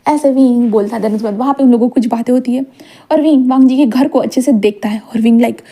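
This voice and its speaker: A woman narrates a fan-fiction story in a relaxed, chatty way and adds casual asides as she goes. Her voice is mellow and a little high. She speaks warmly and informally, as if talking to friends. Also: fast.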